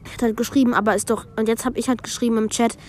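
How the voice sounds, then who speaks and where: A fairly high-voiced woman reads a group chat aloud for her video. She keeps it casual and drops quick asides between the messages, with faint noise in the background. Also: little pitch movement, darkish tone. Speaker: vlogger.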